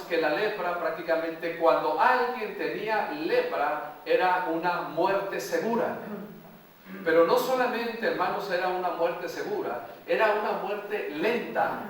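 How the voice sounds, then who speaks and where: A male pastor from Mexico preaching a sermon slowly and emphatically, repeating phrases and putting questions to the congregation. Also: high-pitched, fairly bright tone, slight background noise. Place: large church hall. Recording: echoey hall, voice from far off.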